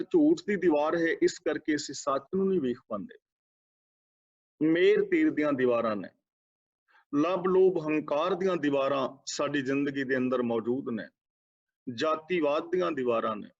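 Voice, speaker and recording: A man preaches a sermon on scripture, his voice sitting slightly high. He recites each verse slowly and deliberately before explaining it. The recording sounds a little dull and muffled. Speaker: Sikh preacher.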